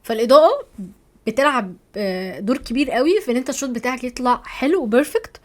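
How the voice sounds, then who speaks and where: Quick egyptian lady walking you through software, a bit high, keeps checking you're following. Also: lively intonation. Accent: Egyptian Arabic. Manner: chatty, keeps asking "تمام؟", thinks aloud while clicking. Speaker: software course instructor. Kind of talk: screen-recorded tutorial.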